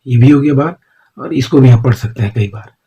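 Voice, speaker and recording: A man teaching a stenography lesson, speaking slowly as he dictates and explains, often repeating single words. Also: medium pitch, mellow, husky, highs cut off. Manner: slow, repeats words, says "ठीक है" often.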